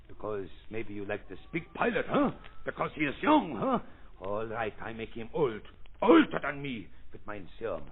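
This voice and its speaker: An actor playing a bitter, undersized mad scientist of about fifty who gloats and sneers in broken English, in 1930s radio acting on a scratchy old radio broadcast recording. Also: male voice, medium pitch, phone-quality sound, lightly acted.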